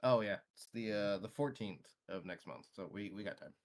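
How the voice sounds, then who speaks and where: A man's voice: on the low side, normal speed, no echo, clean studio sound. A man playing in an online tabletop game who chats casually and thinks aloud as he plans. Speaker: player.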